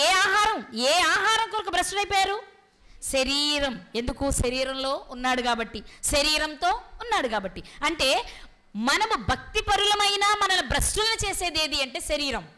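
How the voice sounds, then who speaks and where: A woman preaching a sermon with a Telugu accent, asking rhetorical questions and pausing for effect. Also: very high voice, pushed and bright. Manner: rhetorical questions, dramatic pauses.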